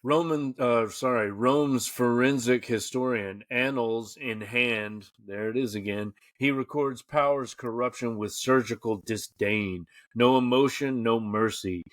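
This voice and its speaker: A man's voice: mid-range voice, a little slow, hardly any pauses, no room sound. A man co-hosting a casual livestream podcast, reading florid write-ups and breaking off for jokey asides. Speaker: podcast co-host.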